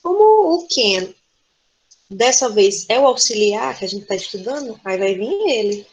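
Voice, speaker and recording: A woman's voice: medium pitch, animated, measured pace, rough recording. A woman teacher with a Brazilian Portuguese accent giving a remote class, explaining patiently and tagging her sentences with "né?". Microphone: video call.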